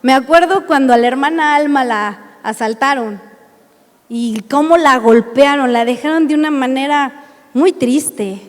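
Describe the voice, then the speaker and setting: A woman's voice: sits high, measured pace. A woman with a Mexican accent preaching a sermon, emphatic and full of rhetorical questions. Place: church hall. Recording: reverberant church hall.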